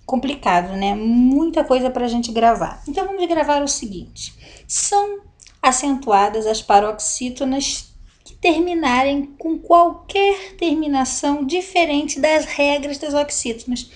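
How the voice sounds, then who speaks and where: Woman teaching grammar slowly. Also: high voice, expressive. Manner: slow, deliberate, spelling out examples. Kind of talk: grammar lesson.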